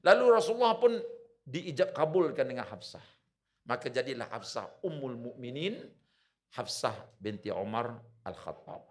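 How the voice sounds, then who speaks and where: A man's voice: mid-range voice, animated, moderate pace. A man with a Malaysian Malay accent preaching in a village prayer hall, telling stories and asking the audience questions. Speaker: religious preacher. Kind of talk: storytelling sermon.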